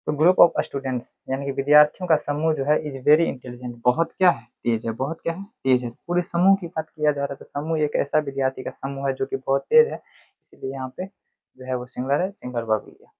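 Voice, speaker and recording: A man's voice: medium pitch, steady tone, a little fast, dry recording. A man teaching English grammar, explaining step by step and answering his own questions. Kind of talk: classroom lecture. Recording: tinny phone-like dry sound.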